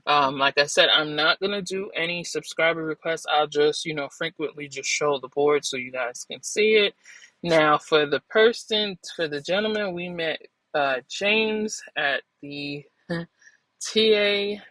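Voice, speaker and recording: A woman hosting a trucking channel chats casually to her viewers in a loose, rambling vlog, correcting herself as she goes. Her voice is low-pitched, a bit bright, and measured in pace. The recording is dry and rough.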